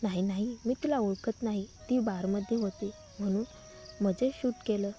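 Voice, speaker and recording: Storybook figure: woman reading a scared drunk young man, pleading, stammering, mellow dark tone. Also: medium pitch, fairly even intonation, normal speed, faint music behind, close to an everyday voice.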